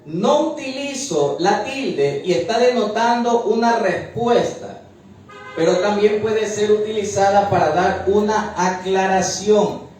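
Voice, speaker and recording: A man's voice: high-pitched, darkish tone, slight background noise. A male preacher teaching a Bible study, explaining patiently and often ending his points with "amén". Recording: very echoey room, far from mic.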